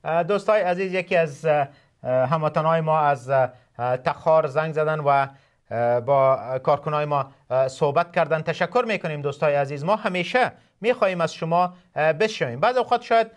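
A man, hosting and preaching a radio sermon in a halting way, with many drawn-out filler sounds. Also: a little high. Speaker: host and preacher.

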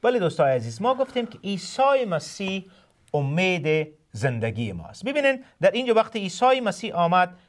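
A man, hosting and preaching a radio sermon in a halting way, with many drawn-out filler sounds. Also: high voice, sing-song. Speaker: host and preacher.

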